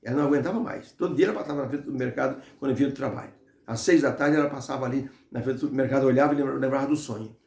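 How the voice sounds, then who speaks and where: Mellow man telling a devotional story. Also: mid-range voice, racing, vocal fry. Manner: conversational, with frequent hesitations and restarts. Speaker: Bible lesson teacher. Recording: roomy echo.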